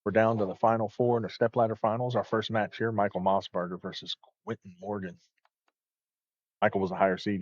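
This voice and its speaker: A man commentating live on a bowling tournament in a chatty, loose way with lots of fillers. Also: lowish voice. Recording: dull lo-fi stream audio.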